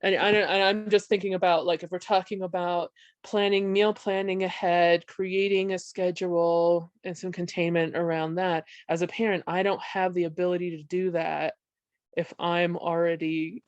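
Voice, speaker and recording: A congested woman with a slightly low voice talks in loose, rambling runs, often stopping herself and checking in with "right?". The sound is dry and close, with no room around it. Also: level tone, moderate pace, dry recording, highs cut off. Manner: rambling, many restarts and "right?" tags. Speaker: behavioral health specialist. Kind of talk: conversational panel discussion.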